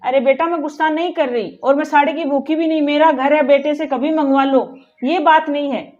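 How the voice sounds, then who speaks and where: A woman's voice: high voice, steady tone, fairly quick, darkish tone, lightly acted. A woman playing an aggrieved mother-in-law who complains and scolds in a family drama. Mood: indignant. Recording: dull lo-fi audio with faint music.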